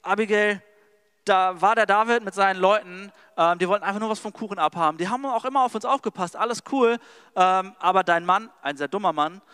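A man's voice: high voice, a bit bright, clear, resonant tone, in a large hall. A man voicing an anxious male servant who speaks in an urgent rush. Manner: hurried, urgent.

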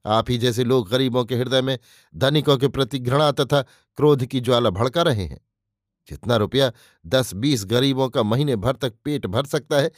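A man's voice: medium pitch, no echo, clean studio sound, close to an everyday voice. A man voicing an earnest young man who pleads and reproaches with moral conviction.

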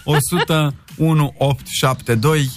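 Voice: mid-range voice, steady tone, faint music behind. A radio morning show co-host in casual on-air banter, reading out jokes in a playful, teasing way. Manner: teasing, playful, mock-sulking. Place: radio studio.

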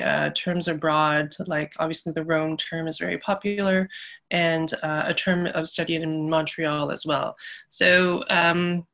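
Soft-spoken woman, modest and hesitant. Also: lowish voice. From Canada. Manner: modest, hesitant with many fillers. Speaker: architect and guest. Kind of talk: casual interview.

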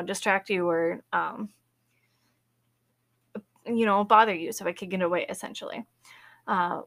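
A woman's voice: medium pitch, fairly bright tone. A young woman hosting her own podcast, chatting casually and cheerfully with plenty of fillers and little laughs. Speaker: podcast host. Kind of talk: casual solo podcast chat.

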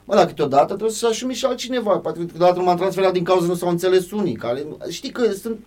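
A man who played professional football, chatting casually and telling animated stories, often addressing the host by name. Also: high-pitched. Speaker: former footballer guest. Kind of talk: casual podcast chat.

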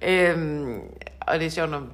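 A woman co-hosting a casual podcast chat, a coach who talks in a chatty, laughing way and often repeats words. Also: low voice.

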